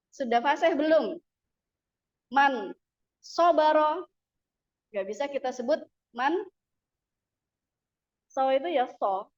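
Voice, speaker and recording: A woman's voice: on the high side, muffled recording. A woman teaching an Arabic class, patiently explaining the rules and modelling pronunciation. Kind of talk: classroom instruction.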